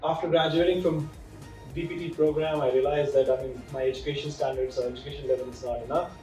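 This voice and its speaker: A man's voice: a little high, fairly even intonation, quick pace, warm tone. A man who teaches physiotherapy, speaking in a matter-of-fact way in a casual interview. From India. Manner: matter-of-fact, lists credentials steadily. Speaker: physiotherapy course instructor. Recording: roomy room, distant mic, faint music.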